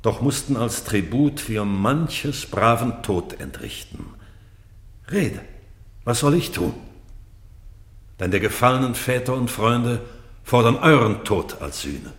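Playing an aging British king full of pride and remorse, this male actor delivers classical verse for a radio play with solemn, declamatory, regal command, at times dropping to a hush. His voice is mid-range with lively intonation, and he speaks slowly with long pauses.

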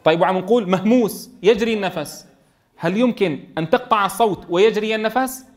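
A man teaching Quran recitation to a class, quizzing students and sounding out letters slowly. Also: high-pitched. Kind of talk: classroom tajweed lesson.

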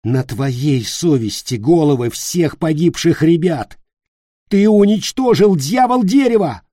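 A man's voice: on the low side, slow, mellow, breathy edge, no echo, clean studio sound. A man playing a furious young male leader who speaks harshly and with contempt. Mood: raging.

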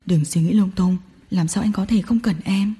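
A woman reading a storybook and voicing a patient young man who gently comforts his partner. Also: moderate pace, slightly rough. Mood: soothing. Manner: soft, soothing, low-voiced.

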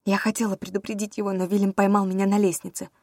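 A woman's voice: medium pitch, flat delivery, fast talker, darkish tone, dry recording, studio quality, lightly acted. A woman voicing a frightened young woman who speaks through sobs. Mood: tearful. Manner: sobbing, tearful.

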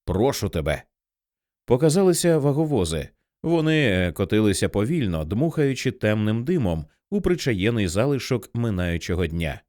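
Male audiobook narrator, expressive and dramatic, dry close sound. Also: fairly low pitch, normal speed, few pauses, dry recording. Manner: lively, dramatic storytelling.

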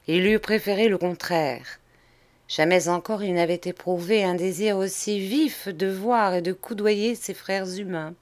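A woman reading a classic novel aloud in a measured, deliberate audiobook narration. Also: medium pitch, a little mellow. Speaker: audiobook reader.

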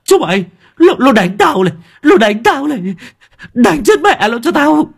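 A man voicing a bratty, hot-headed young male gang leader who shouts in shrill bursts. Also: very animated, moderate pace, creaky, exaggerated voice. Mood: screaming. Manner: shrill screaming.

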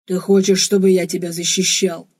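A woman's voice: lowish voice, little pitch movement, normal speed, darkish tone, husky. A woman doing a possessive giant alien barbarian man.

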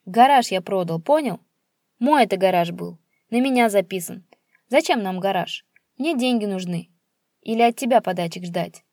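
A woman's voice: measured pace, mellow, slightly rough, no echo, clean studio sound. A woman voicing a spiteful old male pensioner who screeches and jeers at his son. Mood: abusive. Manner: shrill, screeching, jeering.

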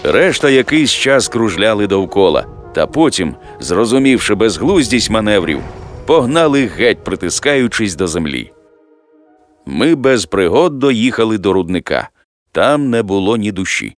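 A man reading a science fiction audiobook aloud, expressive and lifting his voice for the dialogue. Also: on the low side, unhurried, soft background music. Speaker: audiobook narrator. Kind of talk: scripted audiobook narration.

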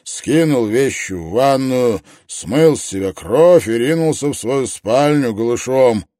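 A man voicing a gruff male detective who speaks flatly and impassively in an audiobook. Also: medium pitch, measured pace, no room sound, clean studio sound, pitched above the performer's own voice, lightly acted. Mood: accusing. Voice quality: gruff, rough. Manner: flat, impassive. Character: gruff deep-voiced male detective, blunt. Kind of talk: audiobook character voice.

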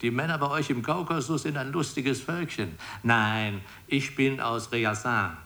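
A man's voice: mid-range voice, a little slow, sharp tone. An actor playing a blunt, crude male justice minister who talks on the phone in a satirical radio play. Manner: blunt, coarse, matter-of-fact.

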